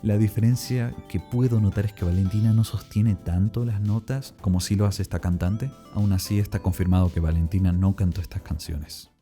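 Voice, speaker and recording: A man's voice: lowish voice, steady tone, moderate pace, few pauses, warm tone, soft background music. A man narrating a scripted explainer as the presenter of the video.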